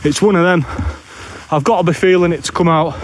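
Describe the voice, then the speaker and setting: A man's voice: on the high side, fairly quick. A man with a Bradford, West Yorkshire accent, chatting casually and bluntly in northern dialect for a solo camping vlog. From Bradford, West Yorkshire, England. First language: English. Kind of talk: casual walking vlog chat. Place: outdoors on open moorland, walking. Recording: outdoor background noise while walking.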